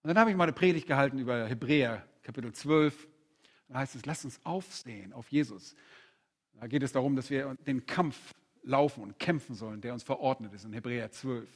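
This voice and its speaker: A man preaching a conference sermon, animated and direct, firing rhetorical questions at the crowd and acting out quoted voices. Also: mid-range voice, a little fast.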